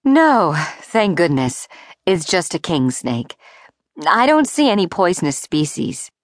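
A calm, unflappable artist mother with a soft, measured voice that sits low and unhurried, as a woman narrator puts her on. She savors her words like a connoisseur. The sound is dry and close. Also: no echo.

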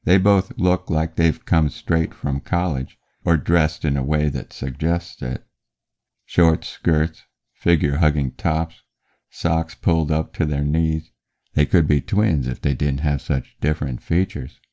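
A man reading first-person audiobook narration in a measured, even way. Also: very deep voice.

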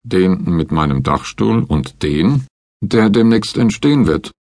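A male narrator voicing a grumpy, sarcastic man with a croaking, cutting delivery. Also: deep voice, expressive, unhurried, a little mellow, no room sound, clean studio sound.

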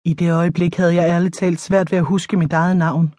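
A woman narrating a novel as an audiobook reader, in a measured, even storytelling manner. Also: lowish voice, no echo. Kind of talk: scripted narration.

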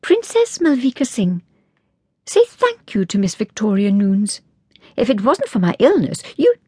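A woman voicing a bold, mischievous teenage schoolgirl who exclaims brightly. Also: medium pitch, animated, normal speed, breathy edge, no room sound, voice pushed up. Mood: excited.

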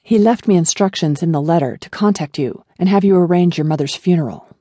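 A woman voicing an older male family attorney who speaks softly and consolingly in an audiobook. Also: lowish voice, a little fast, breathy edge, no echo. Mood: urgent. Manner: soft, consoling.

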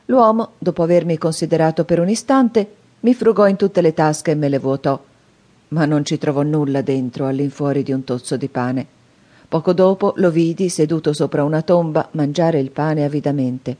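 A woman narrating a classic novel as an audiobook, in a calm, even storytelling manner. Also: deep voice.

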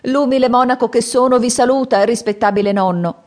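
A woman's voice: fairly high pitch, a little fast, a little mellow, voice pushed up, natural voice. A woman voicing a cheeky, shape-shifting male monkey king who talks in a cocky, teasing way. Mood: polite.

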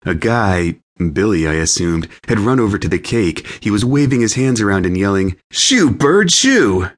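A man narrating a romance audiobook in first person, in a lively, amused storytelling manner. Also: fairly low pitch, moderate pace.

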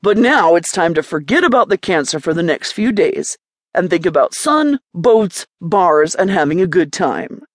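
A woman voicing an excited, upbeat young man who loves to party, in an audiobook. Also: fairly low pitch, moderate pace, no echo, clean studio sound. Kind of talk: audiobook character voice.

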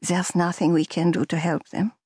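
A woman narrator doing a kind young woman in an audiobook, who speaks softly and slowly. The voice is breathy and recorded dry. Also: fairly low pitch, flat delivery, dry recording. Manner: soft, slow, kind.

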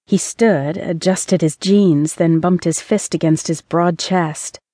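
A woman narrating a first-person romance audiobook in an expressive, measured way, on a close studio mic. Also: fairly low pitch, dry recording.

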